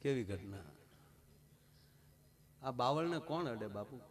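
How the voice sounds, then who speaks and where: A man with a Kathiawadi Gujarati accent telling a comic folk story to a live audience, animated and punchy, with repeated direct address. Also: medium pitch, slow.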